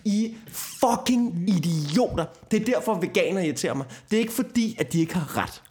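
Ranting, swearing podcast host. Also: male voice, high-pitched, expressive, a little mellow, breathy edge. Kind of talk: casual podcast chat.

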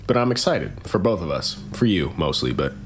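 Male podcast co-host, animated pitch, teasing and profane, frequent laughter. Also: moderate pace, soft background music. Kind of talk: casual podcast banter.

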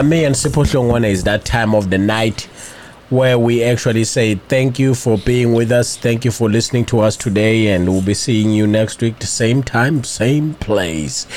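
A man's voice: medium pitch, darkish tone, slight background noise. A man hosting a radio show, wrapping it up in an upbeat, hyped way. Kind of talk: radio sign-off.

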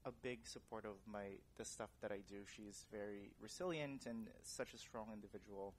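A man's voice: fairly low pitch, a little hiss or hum. Earnest young man from the Philippines. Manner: earnest and reflective, thoughtful pauses. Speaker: guest, actor and director. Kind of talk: casual interview.

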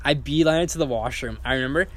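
A man's voice: medium pitch, fast, fairly bright tone. A young man telling a story in casual chat, acting out quotes and swearing freely. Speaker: guest storyteller.

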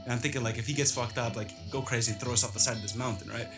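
A man's voice: medium pitch, steady tone, rapid-fire. A man telling a personal story in a loose, rambling way, full of filler words, with guitar music under his voice. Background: plucked guitar music.

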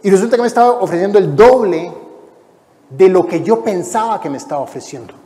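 A man preaches an emotive testimony, alternating between loud exclamation and hushed, prayerful speech. His voice is dark and mellow and sits a little high. A long hall reverb follows his words. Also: animated, brisk. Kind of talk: testimony sermon.

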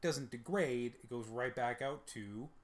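A man co-hosting a podcast in casual chat, animated, often jumping into mocking voices to quote people. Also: mid-range voice, unhurried. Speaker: podcast co-host.

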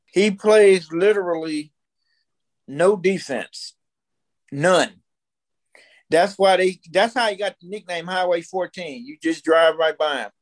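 As a guest on a podcast, a fifty-something American man spins casual stories with blunt opinions, repeating himself to drive points home. His voice sits high, and he speaks slowly with long pauses.

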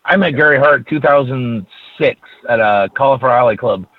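A man's voice: mid-range voice, a little fast, no echo. A man hosting a radio show, asking conversational, leading questions. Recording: dry, narrow phone-like radio sound.

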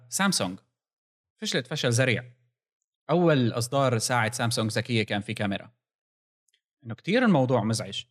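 Male, Levantine Arabic accent, fast pace, mid pitch, analytical podcast co-host, casual tech discussion. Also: fairly bright tone.

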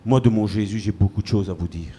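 A man preaching a sermon as pastor, swinging between loud bursts and low, quiet lines. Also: fast talker, slight background noise.

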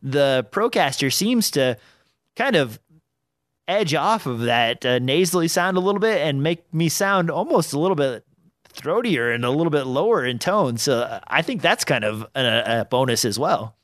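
A man's slightly high, lively voice, a bit bright and at normal speed, hosts a rambling, casual podcast peppered with fillers and restarts. His slightly nasal tone is captured dry, close on a dynamic arm mic in a small home studio.

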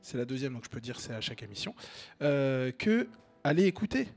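A man's voice: mid-range voice, big pitch swings, fairly quick, a little mellow. A man hosting a casual music show, agreeable and often restarting his phrases.

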